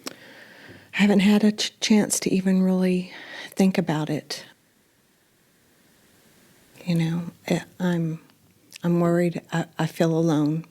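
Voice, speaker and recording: A woman's voice: on the low side, level tone, mellow. A woman playing a frightened pregnant teenage girl. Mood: worried. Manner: hesitant, halting with restarts. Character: scared pregnant eighteen-year-old girl, secretive and alone.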